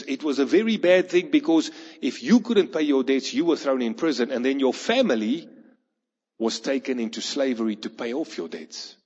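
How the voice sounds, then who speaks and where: A male preacher delivers a storytelling sermon, slipping into the voices of the people in his parable. His voice is husky and breathy at a medium pitch. It rings with a long reverb in a large hall, and the recording sounds dull and lo-fi. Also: a little mellow.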